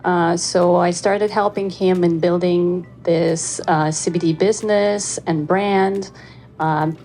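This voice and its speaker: A woman speaks very slowly, introducing herself as a panelist before a live audience. Her voice sits a little low, and she picks her words carefully with short pauses. Soft music drifts in behind. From Moscow, Russia. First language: Russian. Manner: unhurried and careful, pausing with fillers. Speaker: panelist, company brand head.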